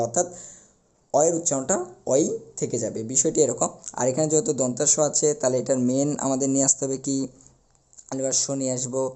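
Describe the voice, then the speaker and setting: Young guy teaching an online class, really dark mellow voice, goes step by step and says the example words slow. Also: medium pitch. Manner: explains step by step, repeats key words slowly.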